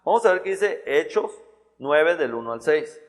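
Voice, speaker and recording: A man's voice: on the high side, expressive, moderate pace. A man preaching a sermon in a church hall, in a conversational style full of restarts and repeated words.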